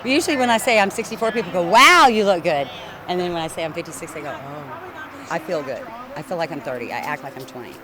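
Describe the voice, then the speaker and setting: A woman's voice: lowish voice, lively intonation, fast talker, pushed and bright, slight background noise. A woman in her fifties, joking about her age in an interview, then speaking earnestly. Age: 50s.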